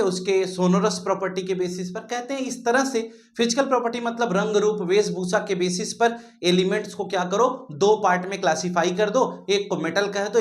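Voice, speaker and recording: A man teaching a chemistry lesson, who calls his students "beta", asks questions and answers them himself, and repeats his key points. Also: high-pitched. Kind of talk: classroom lecture.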